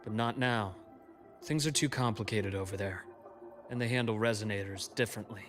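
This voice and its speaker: A secretive male informant in a video game, voiced by a man, speaking in a low, even register. He lays out plans slowly and deliberately, every line grave and measured. Faint game music sits underneath. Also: natural voice.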